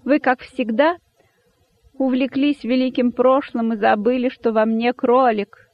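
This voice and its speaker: A frightened, timid storybook boa, voiced by a man, pleading with his king in a high voice. The sound is dull and dry. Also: fairly even intonation, measured pace, no room sound. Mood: pleading fear. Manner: pleading, fearful.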